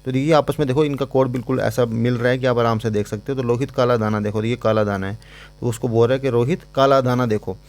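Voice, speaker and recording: A man's voice: mid-range voice, steady tone, fast, darkish tone. A man teaching an exam-prep lecture in a casual, chatty way, repeating points and giving memory codes.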